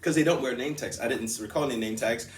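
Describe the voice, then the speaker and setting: Casual male vlogger telling a story, mid pitch, rambling with frequent laughs, roomy echo. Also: fast talker, a little hiss or hum. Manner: rambling, laughs often, repeats himself. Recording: echoey room with faint ambience.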